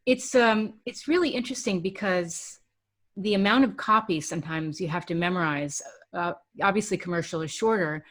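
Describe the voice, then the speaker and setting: A woman's voice: on the low side, moderate pace. Conversational woman podcast host. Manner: conversational, hesitant with ums. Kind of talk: casual interview chat.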